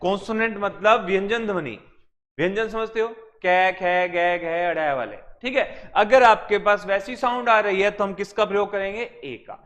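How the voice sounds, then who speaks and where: High-voiced male classroom teacher. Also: moderate pace, a bit bright. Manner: explains with repeated questions and answers. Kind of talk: classroom lecture. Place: classroom with students.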